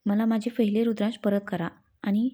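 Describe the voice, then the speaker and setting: A loving young wife who coaxes and scolds playfully, read by a woman. Her voice is warm and mellow in a storybook reading, and her delivery is sweet and light. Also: medium pitch, little pitch movement, brisk, close to an everyday voice. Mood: affectionate. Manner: sweet, coaxing, mock-stern.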